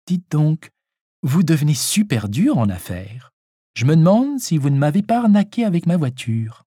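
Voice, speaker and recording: A man reading an audiobook, voicing a sharp-tongued, sarcastic nurse who teases. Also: on the high side, very animated, moderate pace, no echo, studio quality, pitched above the performer's own voice. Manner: sarcastic, teasing.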